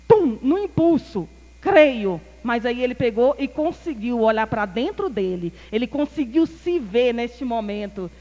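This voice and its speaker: High-voiced Brazilian woman preaching in a hall. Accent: Brazilian Portuguese. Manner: lively storytelling, acts out quoted dialogue, laughs often. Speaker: deaconess preaching. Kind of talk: church sermon with personal stories. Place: church hall. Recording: dull, hall-reverberant church recording.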